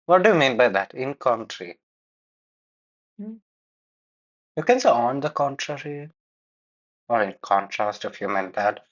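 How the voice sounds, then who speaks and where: A man explains how to improve answers on a speaking exam, stopping to correct and restate phrases. His voice sits at a middle pitch. The recording sounds a little dull and lo-fi. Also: very animated, measured pace, long pauses. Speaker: IELTS coach giving feedback. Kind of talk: feedback commentary on a recorded test.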